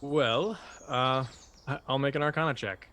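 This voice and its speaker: A man's voice: mid-range voice, measured pace, pushed and bright. A man playing a tabletop game, joking in a dry, understated way. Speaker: player. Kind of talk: casual tabletop game chat.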